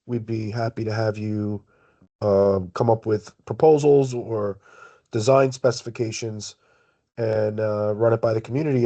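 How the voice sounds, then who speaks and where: A man with a relaxed, mellow voice is on a video call, explaining a project to colleagues. He talks in a measured way with halting pauses, like the person leading the meeting. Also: on the low side. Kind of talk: explaining in an online work meeting.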